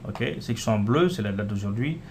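Over a faint background hum, a fairly low-voiced developer gives an unscripted, easygoing walkthrough of his app on screen. "Voilà" and "euh" come up repeatedly as he clicks through each view.

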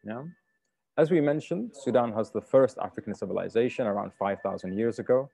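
A UK-raised cook gives a polite webinar slide talk on a video call from a room at home, full of fillers and restarts. His voice is on the low side, mellow and slightly rough, with vocal fry and a fairly quick pace.

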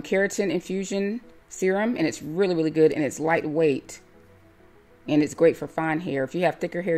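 A woman with a notably low voice talks through a hair tutorial as a voice-over. She explains each step calmly and plainly, like a stylist teaching viewers. Soft music plays faintly underneath. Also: vocal fry. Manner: calm, step-by-step instructive.

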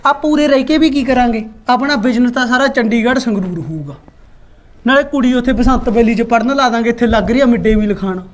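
A woman's voice: fairly high pitch, fast talker, close to an everyday voice. A woman playing a boastful village husband who rambles on about a get-rich scheme in a comic sketch. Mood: scheming. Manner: bragging, rambling, talks over his wife.

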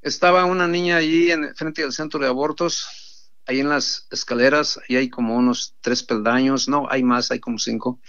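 A man's voice: mid-range voice, steady tone, normal speed, fairly bright tone, clean tone. A man earnestly telling a testimony story to an audience he calls his brothers, repeating himself as he goes. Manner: earnest, repetitive, addresses listeners as brothers. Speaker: pro-life sidewalk counselor giving testimony. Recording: dull lo-fi recording.

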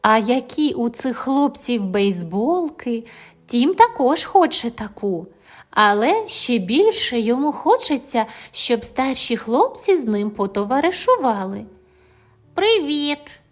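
A woman narrating a children's audio fairy tale in a gentle, expressive storytelling manner. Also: on the high side, unhurried.

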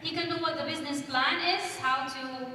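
A woman on a conference panel talks briskly in a high-pitched voice, handheld mic in hand, firing lively questions at the audience from the stage of a large hall. The far-off recording carries hall echo and a faint hiss or hum.

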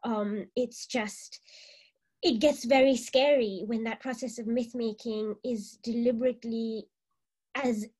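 A woman's voice: fairly high pitch, steady tone, a little slow, darkish tone, slightly rough. A woman in her forties moderating a panel from a home library over a video call, hesitant with fillers. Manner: hesitant, many fillers before points. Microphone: laptop webcam video call.

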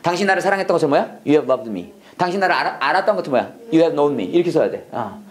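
Fast, lively Bible school teacher. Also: mid-range voice. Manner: animated, laughs at own slips, acts out quoted prayers. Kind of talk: lecture mixing English lessons with preaching.

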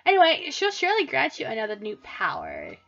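A woman's voice: on the high side, huge pitch swings, a little fast, vocal fry, a bit bright, muffled recording, exaggerated voice. A woman voicing a flirty female great fairy with a sultry, teasing game-character voice.

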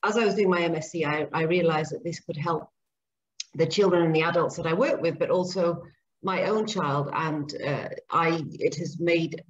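Speaking at normal speed from her home kitchen, a speech and language therapist appears as a guest in a relaxed video-call interview. Middle-aged, raised in Zambia and Papua New Guinea, she has a lower voice and an earnest, chatty way of explaining things at length. Her laptop webcam mic gives slightly dull audio with a faint hiss.

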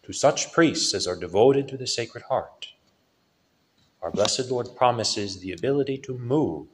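Male priest, sermon delivery, slow deliberate pacing, faint hiss under the voice. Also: medium pitch. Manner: slow, solemn preaching with lively rises and falls.

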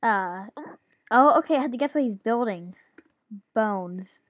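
A woman's voice: on the high side, expressive, unhurried, no room sound, highs cut off. A woman giving casual gameplay commentary as a YouTuber, giggly and hesitant with lots of ums, while she has the hiccups. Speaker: gaming YouTuber.

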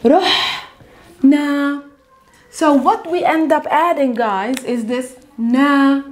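With a high voice, a native Arabic-speaking woman in her thirties leads an energetic whiteboard lesson, saying words slowly, repeating them and putting stress on them. Her lapel mic picks her up in a brightly lit room indoors.

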